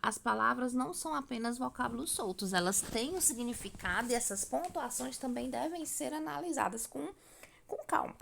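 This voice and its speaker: A woman's voice: fairly high pitch, gravelly, a bit bright, a little hiss or hum. A woman, teaching a recorded grammar lesson, explaining step by step and often checking in with her students.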